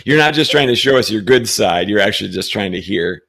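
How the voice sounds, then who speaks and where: Playful male podcast co-host, slightly low voice. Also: animated, a little fast, creaky, fairly bright tone. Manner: playful, laughing often. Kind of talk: casual chat. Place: traveling, currently in a temporary location.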